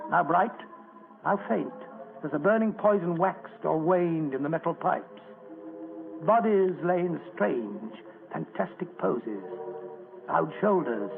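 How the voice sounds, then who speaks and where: A man's voice: high-pitched, vocal fry, exaggerated voice. An actor playing a genteel, blustering older English doctor who tells his story floridly in a radio drama. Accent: British. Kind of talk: old radio drama narration and acting. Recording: tinny, noisy old radio recording.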